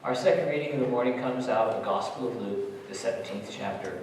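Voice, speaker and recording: A man's voice: lowish voice, fast talker, darkish tone. Distant male pastor in a reverberant hall. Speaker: pastor reading scripture. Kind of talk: formal scripture reading aloud. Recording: echoey hall from far off, faint noise.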